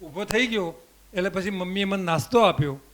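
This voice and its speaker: A high-pitched man with a Gujarati accent teaches a group of children. He leads a memory exercise, asking questions and repeating them to coax the class along. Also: brisk, a bit bright. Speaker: camp teacher. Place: indoor camp hall with children.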